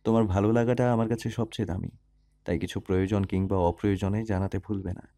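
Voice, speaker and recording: A man voicing a calm, caring young husband in an audio love story, speaking gently and steadily. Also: lowish voice, fast, dry recording, clean studio sound, close to an everyday voice. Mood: tender.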